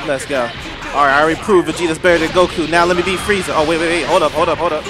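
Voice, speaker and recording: A man hosting a gaming channel, giving excitable live gameplay commentary as he talks to the screen, with frequent outbursts and shouts. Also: on the high side, rapid-fire. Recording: game music playing behind.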